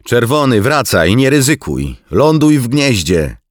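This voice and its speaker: A man voicing an insistent male ground controller who calls loudly over the radio and grows pleading, in a wartime audiobook. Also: deep voice, takes it slowly, dry recording, studio quality, pitched above the performer's own voice.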